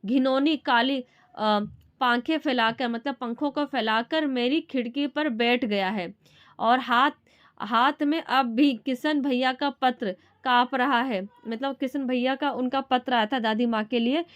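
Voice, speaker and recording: A woman teacher reading a story passage aloud and then explaining it in simple words, often pausing and restarting. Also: high-pitched. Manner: halting, with restarts and fillers.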